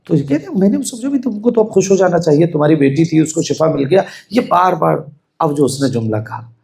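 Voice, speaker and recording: A man delivers a mourning sermon in a high, lively voice. His pitch leaps and falls as he moves from quiet narration to shouted emphasis. He keeps pressing the congregation to listen closely. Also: gravelly. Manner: impassioned, swings from hushed storytelling to shouted emphasis; keeps urging listeners to pay attention. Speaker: preacher. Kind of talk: Shia majlis sermon.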